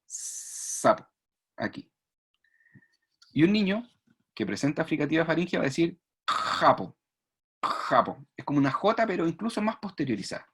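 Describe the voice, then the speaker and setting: A man's voice: a little high, very animated, fairly quick, long pauses, husky. A man giving an online speech therapy lecture, explaining patiently, demonstrating sounds and checking "¿ya?" often. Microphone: video call.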